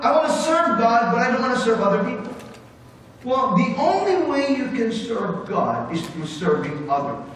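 A middle-aged man preaching a sermon as pastor, animated and moving about as he speaks. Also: very high voice, a little hiss or hum. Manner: animated preaching with big hand gestures, moving about the stage. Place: church sanctuary with brick wall, indoors. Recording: echoey hall from far off.

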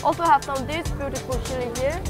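High-voiced woman chef. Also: racing, over loud music. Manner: simple non-native English, upbeat explaining. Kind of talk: casual cooking-show chat.

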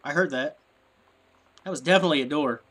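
Speaking fast with a fairly high, fairly bright voice, this gameplay host sounds stuffed up and sniffly. He mutters and rambles, puzzled, through casual let's-play commentary into a desk microphone.

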